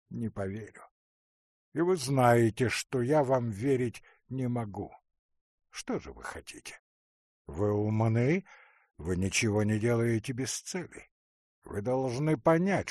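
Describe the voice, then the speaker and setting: A man's voice: mid-range voice, a little mellow, no echo, studio quality. A man doing a hollow-voiced, stern nobleman. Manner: hollow, cold, restrained. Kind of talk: audiobook character reading.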